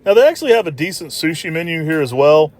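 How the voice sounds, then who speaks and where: A male food vlogger talks casually over his restaurant footage. His delivery is very quick and chatty, in a slightly high voice, with informal repeats. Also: big pitch swings.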